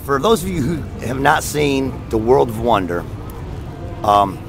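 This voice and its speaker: A man's voice: medium pitch, animated, measured pace, over music. A man asking questions as an interviewer in a casual on-location chat. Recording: outdoor recording with clear vehicle noise.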